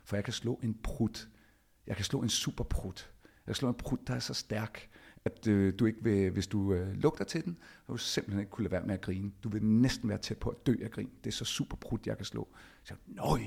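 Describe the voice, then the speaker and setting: In a rough, low voice, a man hosting a podcast recounts something from his own life. He tells it energetically, giving voice to each quoted exchange.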